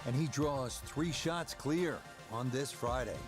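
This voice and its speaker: A man acting as a golf commentator delivers polished TV-style play-by-play for a video game. He is measured and descriptive, at an ordinary male pitch. Music plays clearly behind him. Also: close to an everyday voice. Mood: measured, admiring. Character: polished male golf broadcast announcer calling a round.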